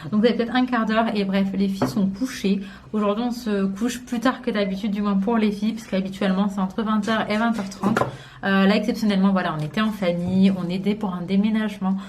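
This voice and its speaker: A woman in her twenties from France, chatting casually at home about a beauty haul, relaxed and full of hesitations and slang. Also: mid-range voice, fast talker, a little hiss or hum. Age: 20s. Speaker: family vlogger. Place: home, indoors.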